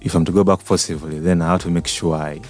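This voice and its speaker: Deep-voiced Ugandan man, relaxed. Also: quick pace, soft background music. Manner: relaxed, hesitant with many ums. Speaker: singer-songwriter guest. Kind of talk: radio interview.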